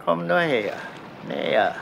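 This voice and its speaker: An actor playing a cool-nerved magician who fights monsters in a horror audio drama, terse and urgent. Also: male voice, on the high side, sing-song, slow pace, vocal fry, exaggerated voice. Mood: tense, steady. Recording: noisy track with water sound effects.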